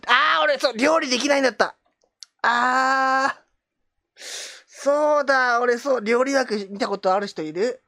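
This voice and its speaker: A woman's voice: high-pitched, unhurried, sharp tone, no echo, clean studio sound. A woman streamer chatting casually with viewers, joking and teasing herself. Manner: joking, self-mocking, reacting to chat. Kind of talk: casual live chat.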